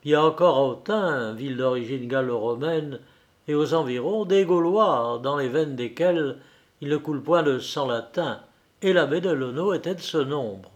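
A man reading a literary story aloud in a measured, deliberate way, with occasional small hesitations. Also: fairly high pitch. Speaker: audiobook reader.

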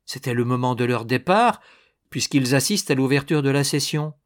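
A man narrating a classic novel aloud in a measured, deliberate reading. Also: mid-range voice, animated.

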